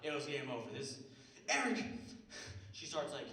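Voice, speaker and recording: Talking fast with a medium pitch, a slightly bright tone, and fairly even intonation, a young comedian of Mexican heritage performs stand-up in a small theater. His loose, profane delivery is full of fillers and slang, and the distant mic captures the room's echo along with the live audience.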